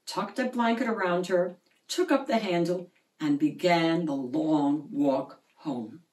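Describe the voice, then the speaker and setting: A woman with a mid-range voice reads a children's picture book aloud, telling the story in an expressive, animated way. The recording sounds roomy, with the mic placed at a distance.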